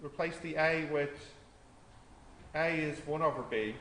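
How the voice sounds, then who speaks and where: Male maths tutor, high voice, step-by-step and questioning; echoey room, faint noise. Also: unhurried, a bit bright. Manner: explains step by step, asks the class questions. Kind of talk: classroom tutorial. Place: classroom.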